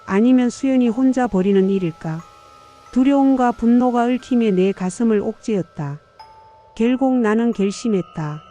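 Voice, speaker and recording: An older woman narrating a first-person audiobook story in a measured, somber way. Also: a little high, mellow, faint music behind.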